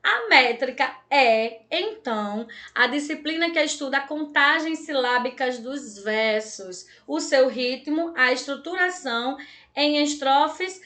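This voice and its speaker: A woman's voice: high-pitched, pushed and bright. A woman teacher with a Brazilian accent giving an online class, checking in with her students every few lines. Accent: Brazilian Portuguese. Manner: frequent check-ins with "tá, gente?" and "certo?". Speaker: Portuguese teacher.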